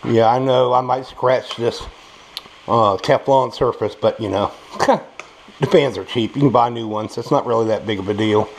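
A home cook demonstrates a dish casually and folksily, his toothless speech in a mid-range voice at a normal pace, punctuated by savoring murmurs. He's in a small indoor home kitchen, and the recording is noisy with frying food sizzling and clicks.

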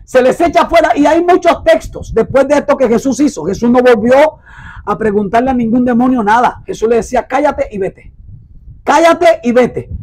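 Preaching a sermon in a very high voice, a man reads scripture aloud and tells his listeners to mark it in their Bibles. He repeats phrases emphatically and slows down to stress words, and the low-quality recording sounds a little mellow.

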